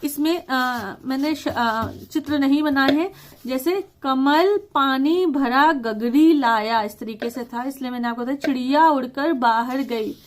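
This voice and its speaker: A woman teacher explaining a lesson, reading words out slowly and deliberately and slipping English words into casual talk. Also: sits high, a little hiss or hum. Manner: slow, deliberate word reading with stressed syllables.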